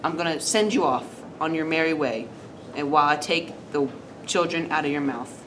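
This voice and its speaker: A woman's voice: low-pitched, normal speed, a bit bright, a little hiss or hum, rough recording. A woman voicing a blunt, laid-back male huntsman who speaks offhandedly in a storybook tale.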